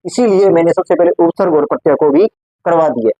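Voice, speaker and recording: A man with a Rajasthani Hindi accent teaches grammar in a slightly high voice. The sound is close and dry, with no room echo. He drills each word by repeating it and keeps asking his students questions. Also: fast, mellow. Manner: repeats words, quizzes students with rhetorical questions. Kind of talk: classroom lecture.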